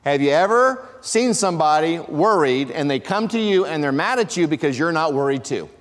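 Emphatic pastor in an echoing hall. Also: male voice, fairly high pitch, lively intonation, normal speed. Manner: emphatic, rising to shouts for emphasis. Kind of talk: sermon. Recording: long reverb of a large hall.

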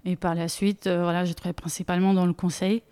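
This interview guest, a data leader from Bulgaria whose native tongue is Bulgarian, talks quickly in a lowish, warm, smooth voice with a level tone. The setting is a casual interview, and she laughs often while using many fillers.

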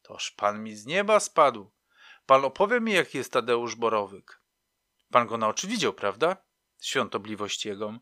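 A man's voice: fairly high pitch, big pitch swings, normal speed, pushed and bright, no echo, clean studio sound, pitched above the performer's own voice. A man voicing a talkative, nosy, pious older woman fussing over a fellow passenger.

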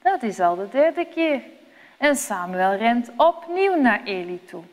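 A woman narrating a children's Bible story in a slow, clear, expressive manner. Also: on the high side, long reverb tail.

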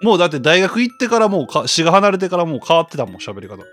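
A man with a Kansai accent, from Shiga, banters bluntly on a casual podcast. He talks fast, his pitch moves in wide swings, and faint music plays underneath. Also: very animated, a bit bright. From Shiga, Japan. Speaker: podcast co-host. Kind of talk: casual chat.

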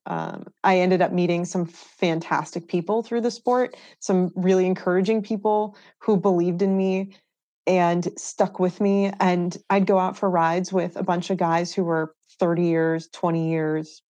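A woman's voice: lowish voice, steady tone, a little slow, mellow, no echo. A woman being interviewed, telling personal stories in an earnest, reflective way and laughing easily. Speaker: interview guest. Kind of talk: candid conversational storytelling.

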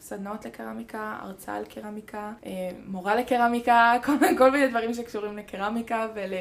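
A woman's voice: fairly high pitch, fairly even intonation, vocal fry. Young Israeli-accented woman, faint background noise. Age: teens, nearly eighteen. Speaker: podcast co-host. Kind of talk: casual chat.

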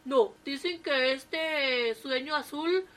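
A woman's voice: high-pitched, slow, a bit bright. A woman voicing a sheepish, flustered old husband in a comic story, barely changing her own voice. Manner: flustered excuses.

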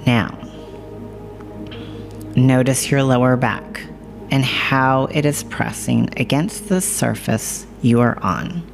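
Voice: mid-range voice, vocal fry. A narrator leading a scripted guided meditation in a soothing, hypnotic, reassuring manner. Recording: music bed behind the voice. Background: music.

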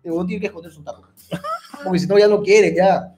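A man's voice: high voice, fast talker. A man co-hosting a casual comedy chat, joking and slangy. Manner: joking, slangy, animated storytelling. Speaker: podcast co-host.

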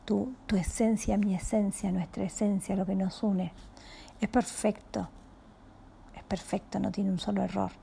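A woman with a Rioplatense Spanish accent giving a calm, reflective spiritual talk, speaking slowly and often dropping into a soft whisper. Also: medium pitch, creaky, husky. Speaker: spiritual teacher.

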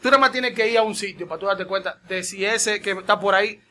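A man with a Dominican accent, co-hosting a podcast in lively, jokey casual chat. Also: sits high. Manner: lively, jokey, quick to cut in. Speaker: podcast host.

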